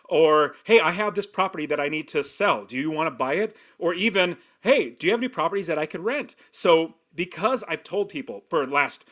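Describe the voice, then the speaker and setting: Bright, excitable man talking shop. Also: a little high, fairly quick, hardly any pauses. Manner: excited, energetic talker. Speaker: podcast guest, real estate investor. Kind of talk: casual interview chat.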